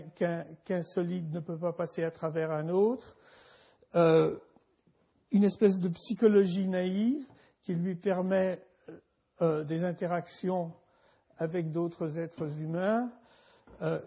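A man delivers a university lecture at an unhurried pace, stopping and restarting his phrases again and again. His voice is husky and gravelly, sitting a little high. The recording is dull and lo-fi. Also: fairly even intonation, mellow. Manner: halting, many restarts and repeated words.

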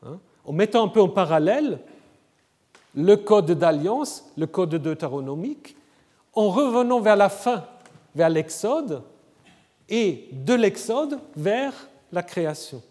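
A man giving an academic lecture in a conversational way, often checking in with his listeners with a quick "hein?". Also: high-pitched, very animated, mellow. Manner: conversational, frequent "hein?" tag questions. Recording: reverberant lecture hall.

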